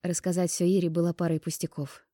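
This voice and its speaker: A woman narrating a romance novel as an audiobook in a calm, even storytelling manner. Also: on the low side, fast talker, no room sound, clean studio sound.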